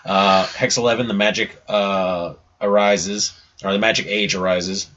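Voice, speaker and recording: A lower-pitched male co-host with a bright, sharp tone, easygoing and brief. The sound is dull and lo-fi with a faint hiss. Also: little pitch movement, unhurried. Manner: easygoing, short agreeing replies. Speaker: podcast co-host. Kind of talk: casual podcast chat. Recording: dull lo-fi audio with faint noise.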